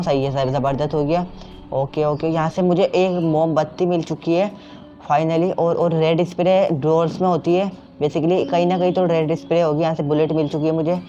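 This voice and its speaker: A man's voice: fairly high pitch, mellow. A young man commenting on a horror game as he plays, jumpy and full of repeated fillers and startled outbursts. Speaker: gameplay streamer. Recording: dull lo-fi sound with game music.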